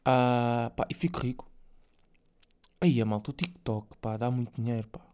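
This is a young man with a European Portuguese accent, rambling through a solo podcast monologue. His speech is loose and slangy, packed with fillers and the odd swear word. His voice is dark and mellow at a middle pitch. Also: fairly even intonation, normal speed, clear, resonant tone. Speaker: podcast host.

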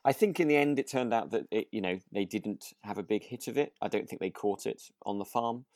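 A man co-hosting a podcast chats casually about a radio drama, hesitating and frequently correcting himself. His lowish, darkish voice moves briskly, captured in a dry, studio-quality recording.

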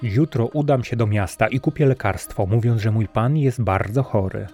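A man voicing a clever, loyal servant woman who calmly lays out a plan in a storybook reading. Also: fairly low pitch, normal speed, close to an everyday voice. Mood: resolute. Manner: practical, laying out a plan.

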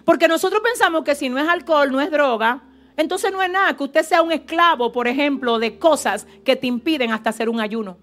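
A woman pastor preaching a fervent, animated sermon in a church service, with asides to the congregation. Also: sits high, brisk.

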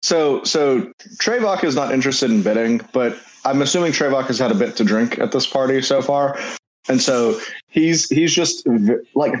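A man's voice: mid-range voice, moderate pace, low-quality recording. A man playing in a tabletop game, talking casually and rambling with repeated words. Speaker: player.

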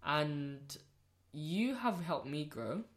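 A woman's voice: sits low, sing-song, drawn-out words. A young woman, originally from Rwanda, chatting candidly on a podcast, swearing freely and repeating phrases for emphasis. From born in Rwanda, raised in South London. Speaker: podcast guest, host's friend. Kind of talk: casual podcast chat.

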